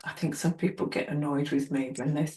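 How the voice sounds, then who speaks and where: A woman's voice: low-pitched, fairly even intonation, brisk, darkish tone. Woman, therapy trainer, earnest and encouraging, casual teaching talk, echoey room. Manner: earnest, encouraging, acts out quoted people. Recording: roomy echo.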